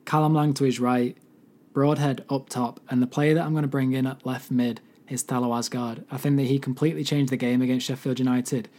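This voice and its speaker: A man with a hoarse, mostly lost voice hosting a solo football podcast, giving earnest fan opinions. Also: mid-range voice, flat delivery, brisk, dark tone. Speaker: podcast host.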